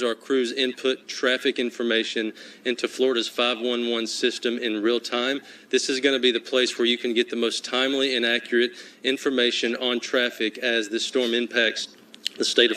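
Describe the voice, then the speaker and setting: Bright-voiced man giving an official briefing. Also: medium pitch, slight background noise, rough recording. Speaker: state transportation official. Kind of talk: formal press briefing statement.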